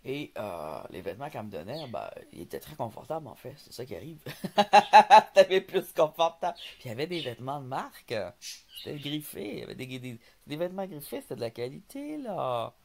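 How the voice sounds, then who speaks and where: A man's voice: medium pitch, very animated, fairly quick, creaky, darkish tone. A man with a Québécois French accent, telling rambling stories in a casual vlog, laughing often and stumbling on some words. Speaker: vlogger.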